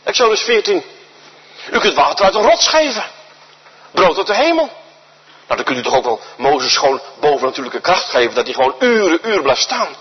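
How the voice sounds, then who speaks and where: A man's voice: fairly high pitch, sing-song, brisk, husky. Een man houdt een preek met een levendige, sterk op en neer gaande stem, vol herhalingen. Zijn stem is erg hees. Het geluid is gedempt en lo-fi en galmt lang na in de kerk. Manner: emphatic, repetitive, rhetorical questions. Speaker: guest preacher. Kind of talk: sermon. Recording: dull recording with long church reverb.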